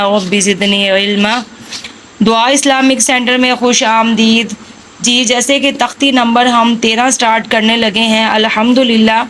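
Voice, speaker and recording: Bright-voiced woman teaching slow recitation. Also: on the high side, slight background noise. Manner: spells out letters and vowel marks, then repeats them slowly. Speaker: Quran reading teacher. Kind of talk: slow syllable-by-syllable recitation lesson.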